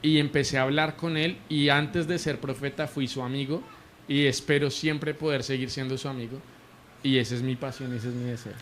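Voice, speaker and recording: A man's voice: mid-range voice, fairly even intonation, moderate pace, a bit bright, slight background noise. Earnest man telling his testimony. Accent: Colombian Spanish. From Colombia. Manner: earnest, emotional storytelling with restarts. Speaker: prophet, interview guest. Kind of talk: conversational testimony.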